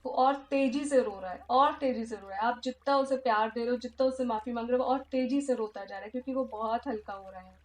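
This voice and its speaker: A woman teacher guiding an inner-child healing meditation in a soft, emotive way that often drops to a hush. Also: on the high side, a little fast, hardly any pauses. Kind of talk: guided meditation.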